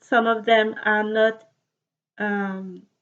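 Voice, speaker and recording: A woman's voice: medium pitch, level tone. A woman with a French accent, a native French speaker, chatting casually about her knitting projects and often repeating words as she searches for them. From France. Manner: halting, repeats words, soft laughs. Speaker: knitting podcaster. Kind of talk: casual chat. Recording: dull lo-fi sound.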